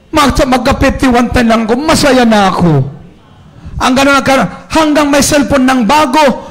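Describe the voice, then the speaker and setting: Priest, higher male voice, slow chatty sermon delivery with acted-out quotes.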